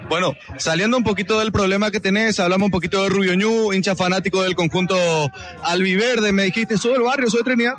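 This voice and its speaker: Brisk stadium reporter. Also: male voice, sits high, steady tone, fairly bright tone, soft background music. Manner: brisk, on-the-spot description. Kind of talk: live sports radio reporting.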